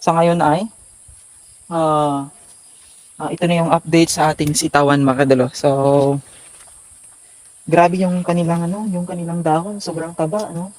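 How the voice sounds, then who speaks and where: A young farming vlogger casually tours his bean garden outdoors, speaking haltingly with lots of fillers and stumbling over words, seemingly filmed on a phone. His voice is on the high side and darkish, with fairly even intonation. The audio is poor, with slight background noise.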